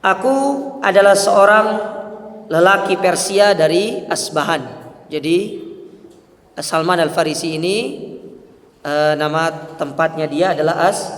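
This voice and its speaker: Preacher, high voice, reads arabic then explains it casually, lots of echo. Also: male voice, fairly even intonation, unhurried, pauses often, fairly bright tone. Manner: reads Arabic text aloud, then explains it in plain everyday speech, often adding "ya". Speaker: Islamic preacher. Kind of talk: religious study lecture retelling a story. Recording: echoey hall.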